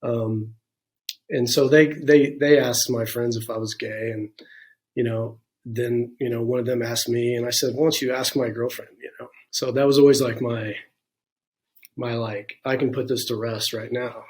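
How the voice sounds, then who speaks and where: A man in his forties speaks as an interview guest, recounting his life in a frank, reflective way. His voice sits in an ordinary middle pitch. He fills his pauses with "um" and "you know" as he thinks aloud. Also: little pitch movement, darkish tone. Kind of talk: candid personal storytelling in a conversation.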